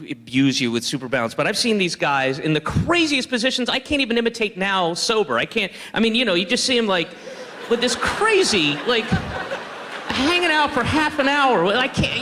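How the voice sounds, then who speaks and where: A man's voice: high-pitched, bright, forceful tone, big-room sound. A man doing a rambling stand-up comedy set, slipping in and out of mocking voices.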